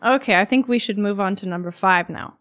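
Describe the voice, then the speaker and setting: A woman's voice: mid-range voice, brisk, a bit bright. A woman co-hosting a scripted podcast, asking curious, friendly questions and adding her own notes. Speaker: podcast co-host. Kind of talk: scripted educational podcast dialogue.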